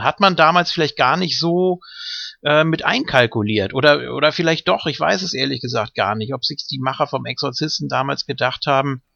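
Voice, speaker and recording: A gravelly, bright-toned man hosting a casual podcast chat, chatty and quick to laugh. His voice is dry and close, with a dull, slightly muffled sound. He teases his co-host now and then. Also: medium pitch, dry recording. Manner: chatty, laughs often, teasing.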